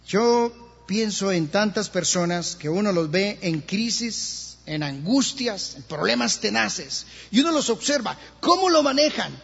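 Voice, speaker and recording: A man with a Colombian accent, a pastor giving an animated sermon in church and acting out the voices of others. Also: high-pitched, a little slow, vocal fry, slightly rough. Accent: Colombian Spanish. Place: church hall. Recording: lo-fi church recording with long reverb.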